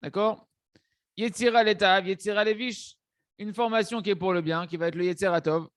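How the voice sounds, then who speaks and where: A man a rather high voice teaches a religious text, checking in his listeners as he goes. He restarts phrases often and mixes in words. The recording is close and dry. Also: fairly even intonation, moderate pace, a bit bright, dry recording. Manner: hesitant restarts, frequent "hein" and "d'accord" checks. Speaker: Torah teacher. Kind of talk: religious lesson explaining a text.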